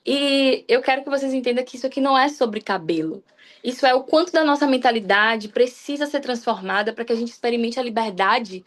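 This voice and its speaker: A young woman from Salvador, Bahia, giving a personal devotional talk on a church livestream, speaking candidly and often restarting her sentences. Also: fairly high pitch. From Salvador, Bahia, Brazil. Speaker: guest preacher on a church livestream.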